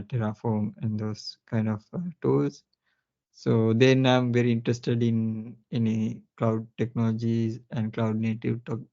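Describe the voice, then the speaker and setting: A man's voice: medium pitch, warm tone, highs cut off. A man from Sri Lanka co-presenting a tech session, speaking hesitantly with many fillers. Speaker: guest co-presenter. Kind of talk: casual conference chat.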